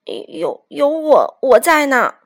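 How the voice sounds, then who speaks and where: A woman's voice: sits high, animated, slow, creaky, pitched above the performer's own voice, exaggerated voice. A woman doing a stammering young rooster. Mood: fretful. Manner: stammering, fretful. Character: nervous but brave young rooster.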